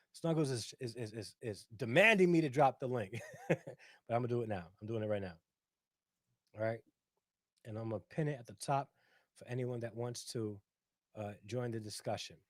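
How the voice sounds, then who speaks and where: A middle-aged livestream host talks at length in a casual stream, reading viewer comments aloud. He's talkative, repeats himself, and keeps checking in with "right?" His medium-pitched voice moves at normal speed in a dry, studio-quality recording.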